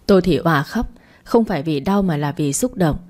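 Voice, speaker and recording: A woman narrating a first-person family story in a steady, plaintive way. Her voice is low and mellow, with a soft, warm tone. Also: a little fast.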